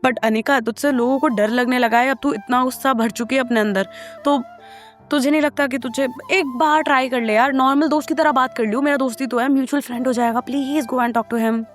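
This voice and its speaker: Woman playing a young female best friend, calm, teasing, coaxing, chatty, fairly high voice. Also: brisk, soft background music, close to an everyday voice. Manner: coaxing, chatty, jokey reassurance.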